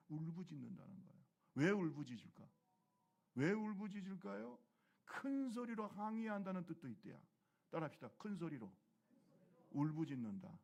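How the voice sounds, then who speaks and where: Dramatic Korean pastor preaching. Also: male voice, creaky. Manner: dramatic swings from low murmurs to loud exclamations; asks the congregation questions and has them repeat phrases. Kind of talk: sermon.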